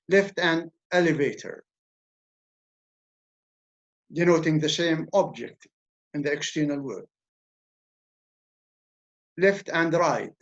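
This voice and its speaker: A university lecturer from the Levant whose first language is Arabic delivers an academic lecture slowly and carefully. His voice is somewhat high with vocal fry, and the recording is dull and lo-fi. He's measured and explanatory, repeating words whenever he restarts.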